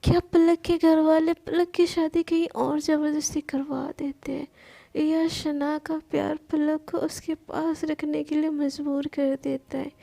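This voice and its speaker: A woman telling a serialized love story in a chatty, friendly way. Her voice is high with a gravelly edge and a dark, mellow tone. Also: level tone, a little slow. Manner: chatty, addresses listeners as friends. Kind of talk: casual storytelling.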